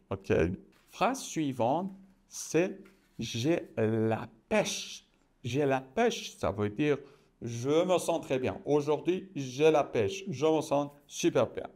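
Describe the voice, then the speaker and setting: A man teaching French expressions, saying each phrase slowly, repeating it, then explaining it in simple words. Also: mid-range voice, darkish tone. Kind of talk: explaining idioms, slow and deliberate.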